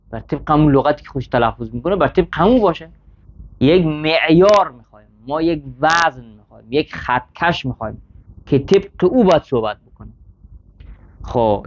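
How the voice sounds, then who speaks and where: A man teaching a classroom lesson, reading Arabic text line by line, explaining it and checking with his students. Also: on the high side. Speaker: seminary teacher. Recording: dull lo-fi sound.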